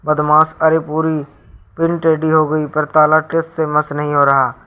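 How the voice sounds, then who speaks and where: A man's voice: on the high side, monotone, measured pace, sharp tone, clean tone. A man voicing a sly, clumsy thief who mutters to himself. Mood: grumbling.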